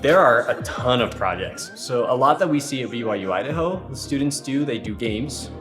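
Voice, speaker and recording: A man's voice: medium pitch, expressive, moderate pace. Young man, event organizer, upbeat, fluent, music underneath. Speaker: hackathon planning team president. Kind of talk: interview explaining the event.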